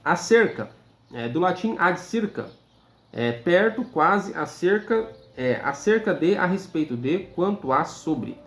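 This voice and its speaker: A Brazilian man, a teacher, reading dictionary definitions aloud in a measured, list-like way with hesitant "é" fillers. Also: high voice, lively intonation, fairly bright tone. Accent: Brazilian Portuguese. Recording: echoey room, faint background noise.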